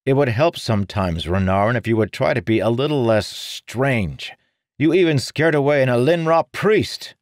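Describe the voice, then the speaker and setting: A man's voice: mid-range voice, big pitch swings, measured pace, no room sound, studio quality, voice pushed up. A man voicing a curt young nobleman. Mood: impatient. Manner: curt, frowning. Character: impatient young nobleman, blunt and sharp-tongued.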